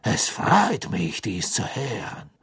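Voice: mid-range voice, huge pitch swings, slow pace, slightly rough, no room sound, clean studio sound, full character voice. An audiobook reader voicing a cowardly male former follower who speaks hastily and breathlessly, stammering as he pleads. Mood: pleading. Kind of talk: audiobook character voice.

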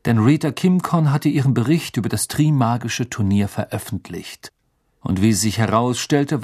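Male audiobook narrator, mid-pitched, steady and expressive. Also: no room sound, studio quality. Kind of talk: scripted narration.

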